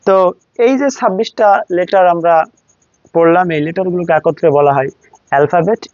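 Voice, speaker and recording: Man, Bangladeshi accent, teacher, slow letter drills, dull dry recording. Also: sits high, a little mellow, no room sound. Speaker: English pronunciation teacher. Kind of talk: classroom lesson.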